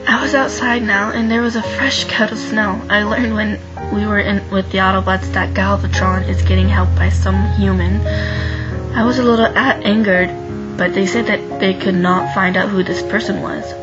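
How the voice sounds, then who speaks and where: A woman's voice: medium pitch, flat delivery, normal speed, dull audio. A young woman casually reading her own first-person fan story aloud, chatty, with asides to listeners and many restarts. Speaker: fan fiction reader. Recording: music clearly behind the voice.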